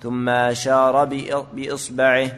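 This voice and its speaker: Man reciting text in a flat voice. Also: mid-range voice, in a large hall. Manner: steady measured reading, invokes blessings on the teacher. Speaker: student reading the text aloud. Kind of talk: formal recitation of hadith chains.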